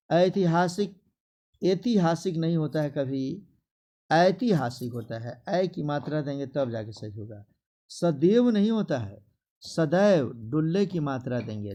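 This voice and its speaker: Here a man with a Bihari Hindi accent, his voice medium in pitch and mellow, works through a classroom spelling lesson, going over words slowly and again and again for his pupils.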